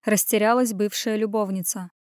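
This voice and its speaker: A woman reads a first-person audiobook in a mid-range voice, taking the part of a male hero. Her delivery is gruff and sardonic. The recording is dry and close, with no room sound. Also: medium pitch, steady tone, moderate pace, darkish tone, no room sound. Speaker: audiobook narrator. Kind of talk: scripted first-person narration.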